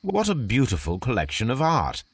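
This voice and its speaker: An actor playing a shrewd, composed British gentleman detective in a video game, with measured, articulate delivery and a husky voice. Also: mid-range voice, wildly swooping pitch, dry recording, exaggerated voice. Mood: composed, assured.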